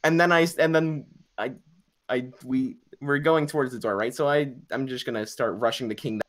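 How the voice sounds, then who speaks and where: A man's voice: medium pitch, steady tone, moderate pace, a bit bright. A man playing in a tabletop game, chatting casually, describing his moves and protesting other players' choices.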